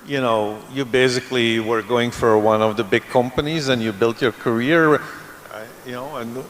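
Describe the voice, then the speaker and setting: A Belgian man on a conference panel tells a long, rambling anecdote in a large conference hall, and the recording is reverberant. His medium-pitched voice is fairly bright, with a steady tone and moderate pace.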